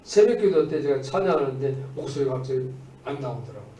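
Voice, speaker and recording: Recorded by a distant mic in an echoey church, a pastor's medium-pitched, mellow voice moves quickly with lively intonation, with a little hiss or hum. During the Sunday service he exhorts listeners, swinging from emphatic proclamation to conversational asides.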